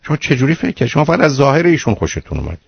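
A man's voice: sing-song, gravelly, breathy edge, no room sound. A man hosting a radio call-in show as a psychologist, giving blunt, lecturing advice to a caller. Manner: blunt, lecturing, rises in pitch when exasperated. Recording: muffled radio broadcast, dry studio.

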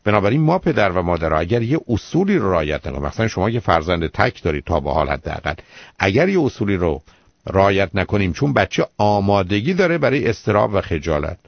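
Gravelly low-voiced man giving advice. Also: no echo, muffled recording. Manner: calm, explanatory, calls listeners "dear". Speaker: psychologist answering callers. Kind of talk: radio call-in advice.

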